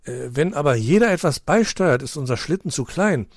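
Man voicing a brash storybook husky, loud and mocking, a little higher than his own voice. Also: expressive, moderate pace, no room sound, studio quality. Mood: thoughtful. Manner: loud, teasing. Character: boisterous male husky, mocking.

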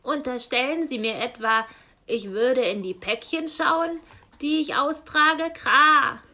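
A woman voicing a grumpy male raven postman who croaks loudly between his words in a storybook. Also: high-pitched, voice pushed up, heavily acted. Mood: indignant. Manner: loud croaks, quick indignant outbursts.

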